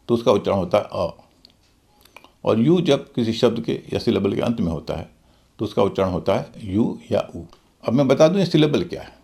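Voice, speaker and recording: A man's voice: on the low side, vocal fry, warm tone. A man teaching English pronunciation in a video lesson, explaining methodically and spelling words out letter by letter.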